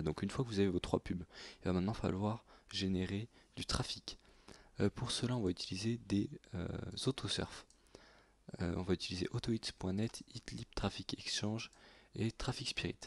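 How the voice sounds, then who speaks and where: A man, narrating a screen-recorded software tutorial, halting with many fillers and self-corrections. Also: sits low, dry recording. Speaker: YouTube tutorial host.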